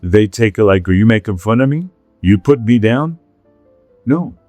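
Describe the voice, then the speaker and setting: A man's voice: fairly low pitch, expressive, moderate pace, darkish tone, dry recording, faint music behind. Man telling rambling stories, laughing often. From Pacific Palisades, California. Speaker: podcast host. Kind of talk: casual chat.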